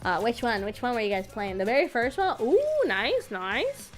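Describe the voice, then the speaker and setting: A woman's voice: fairly high pitch, big pitch swings, normal speed, faint music behind. A woman game streamer chatting casually and playfully, with a cute, bubbly anime-streamer delivery. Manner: playful, chatty, repeats words. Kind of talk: casual livestream chat.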